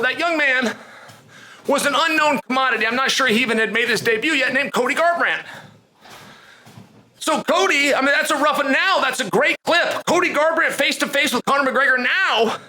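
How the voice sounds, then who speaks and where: A man's voice: very high voice, fairly quick, pushed and bright. An American man giving a casual, emphatic opinion monologue like a sports commentator, repeating phrases for effect as he tells stories. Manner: emphatic storyteller, repeats phrases and poses rhetorical questions. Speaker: sports commentator hosting a talk vlog.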